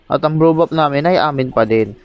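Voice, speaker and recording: A man from the Philippines streams a mobile game, narrating each play with teasing, excitable banter. His voice sits fairly high, and the audio is muffled and lo-fi. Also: a little fast. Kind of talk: casual live gameplay commentary.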